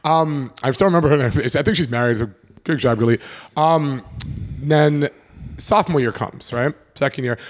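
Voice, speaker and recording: Young male podcast host from South Florida, casual storytelling, animated, foul-mouthed. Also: mid-range voice, normal speed. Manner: animated, swears freely, acts out his younger self.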